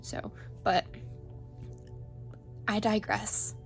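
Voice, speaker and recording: A woman's voice: medium pitch, level tone, extremely slow, gravelly, faint music behind. A woman giving a casual, chatty solo book review as a reading vlogger.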